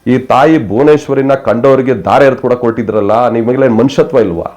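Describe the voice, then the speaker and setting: A man's voice: medium pitch, brisk, a little mellow. A man delivering impassioned political commentary, scolding his listeners with fiery rhetorical questions. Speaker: news commentator.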